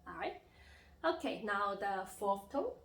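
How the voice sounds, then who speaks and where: A woman's voice: mid-range voice, big pitch swings, unhurried, reverberant, very noisy. A woman teaching Mandarin tones in a lesson, patiently drawing out each demonstrated phrase. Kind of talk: language lesson with slow drilled phrases.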